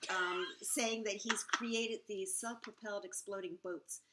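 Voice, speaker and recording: A woman's voice: medium pitch, fairly even intonation, measured pace, very noisy. A woman guest author telling amused stories about historical letters in a casual chat. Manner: storytelling, amused, chatty.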